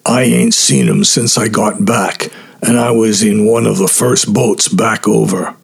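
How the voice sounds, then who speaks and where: A blunt young camper with a gravelly, husky voice, who talks in relaxed slang, as a narrator puts him on. His voice sits a little lower than plain talk. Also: measured pace, full character voice. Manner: blunt, laid-back slang. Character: young man, blunt teen camper, gruff.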